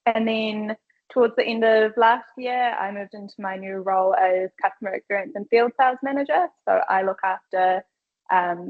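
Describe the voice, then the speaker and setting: A woman with a New Zealand accent, introducing herself on a webinar panel in an upbeat, chatty, casual way. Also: mid-range voice. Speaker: customer experience and field sales manager. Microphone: video call. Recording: dull lo-fi video call audio.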